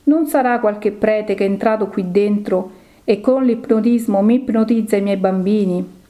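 A woman voicing an angry, frightened middle-aged father who shouts in alarm and distrusts priests. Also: mid-range voice, moderate pace, close to an everyday voice. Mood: suspicious.

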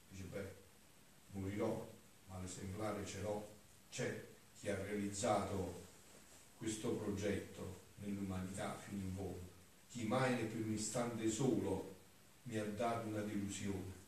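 A man, a friar, preaching a homily in a conversational way, often tagging questions onto his points and swinging between quiet asides and loud, emphatic passages. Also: fairly low pitch, a little hiss or hum. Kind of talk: sermon. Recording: very echoey church, mic far off.

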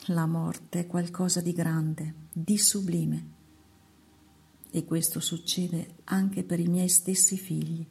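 A woman voicing the Lord as a solemn male divine figure in a slow, measured, hushed devotional reading. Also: fairly low pitch, flat delivery, gravelly, slightly rough, full character voice.

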